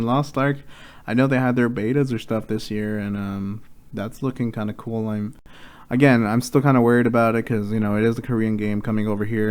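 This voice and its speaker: A man's voice: lowish voice, smooth. A man co-hosting a casual gaming chat show, chatty and swearing freely, getting worked up as he talks. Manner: chatty, swears freely, rants with rising excitement. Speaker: co-host.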